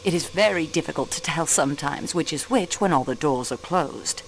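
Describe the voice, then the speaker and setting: A woman playing a patient, courteous investigator for a detective, asking questions in a formal, calm way. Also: deep voice, moderate pace, slight background noise. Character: polite, patient assistant to a French detective.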